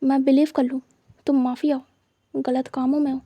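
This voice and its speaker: A woman's voice: high-pitched, flat delivery, normal speed, dark tone, dry recording. A woman voicing a stern, proud young man held captive, who answers coldly and with scorn in a retold story. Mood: scornful. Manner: cold, scornful, refusing.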